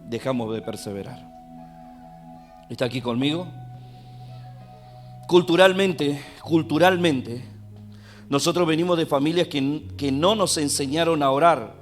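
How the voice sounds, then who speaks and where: Argentine preacher guy, sermon, gets loud and emphatic then drops to asides, keys playing faintly behind. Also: medium pitch. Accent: Argentine Spanish. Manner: preaching with rising emphatic bursts and asides to the congregation. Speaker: pastor. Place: church.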